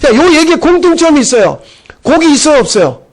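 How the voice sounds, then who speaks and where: A middle-aged male pastor giving a conversational sermon, chatty and animated, acting out voices as he goes. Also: extremely high pitch, brisk.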